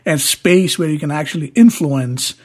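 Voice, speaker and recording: Husky man interviewing, non-native English accent. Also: fairly high pitch, moderate pace, a little mellow. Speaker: podcast host interviewer. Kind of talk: casual interview.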